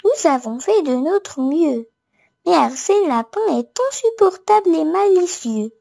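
Earnest little woodland creatures speak up in a picture book read to a toddler, all voiced by a woman. The voice is expressive, high and mellow. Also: unhurried, gravelly, exaggerated voice. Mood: fed up. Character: group of earnest, well-meaning small woodland animals.

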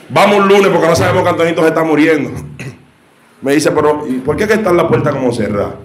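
A male preacher giving a sermon with a personal testimony, shifting between hushed storytelling and fervent shouting. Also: fairly high pitch, lively intonation, normal speed, pauses often. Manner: fervent, rising to shouting exhortation. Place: church hall with congregation. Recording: echoey church hall with congregation.

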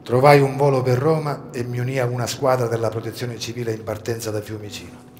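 A man performing a dramatic first-person monologue at a live outdoor show, moving between hushed low passages and urgent shouts. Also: flat delivery, fast. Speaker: stage reader of a monologue. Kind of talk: theatrical first-person storytelling. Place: outdoor garden stage.

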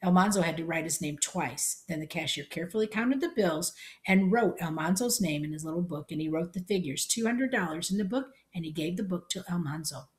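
A woman reading a storybook chapter aloud in plain, steady narration. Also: fairly low pitch, brisk.

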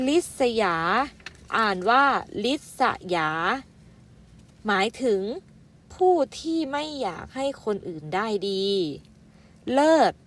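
A primary school teacher, a woman, reading out vocabulary syllable by syllable for young pupils, with gentle polite fillers and a motherly way of addressing them. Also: medium pitch. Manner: spells out words syllable by syllable and adds polite "na kha" fillers. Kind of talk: slow, careful vocabulary lesson for young children.

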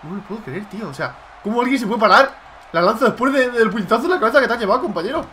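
A young man from Spain with a Spanish accent, giving loud, excited commentary on his own gameplay, shouting and swearing at his opponent. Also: sits high, rapid-fire, slight background noise. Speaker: gaming YouTuber.

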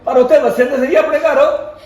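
A man with a Punjabi accent acting a stubborn father in a family drama, dismissive and gruff. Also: extremely high pitch, steady tone, brisk, darkish tone. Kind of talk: Punjabi web-series acting. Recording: roomy echo.

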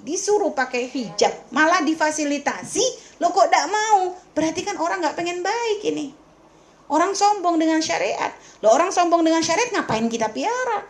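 Woman religious teacher answering questions at a lecture. High-pitched, emphatic, scolding, and leaning on rhetorical questions. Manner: addresses listeners familiarly.

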